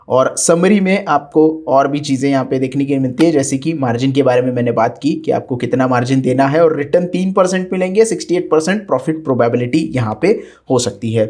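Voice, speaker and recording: A man's voice: a little high, darkish tone. A man with an Indian accent, patiently explaining an options trading strategy in a tutorial, with frequent filler sounds. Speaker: finance educator. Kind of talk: screen-share tutorial explanation.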